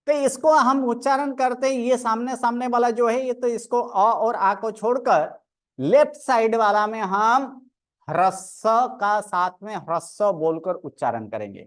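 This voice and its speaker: A woman's voice: fairly high pitch, measured pace. A woman teaching a grammar lecture, methodically counting aloud and drilling each sound one by one. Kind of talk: online lecture.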